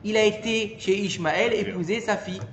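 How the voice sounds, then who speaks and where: A man giving an informal Torah lesson to a small group, animated and peppering his listeners with questions. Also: high voice, moderate pace. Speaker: Torah teacher. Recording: echoey room with long reverb and faint noise.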